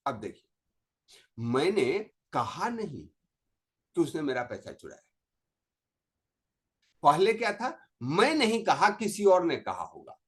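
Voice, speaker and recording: A middle-aged man, teaching a spoken lesson on communication with slow, emphatic stress on words. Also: on the high side, sing-song, fairly bright tone. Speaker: motivational teacher.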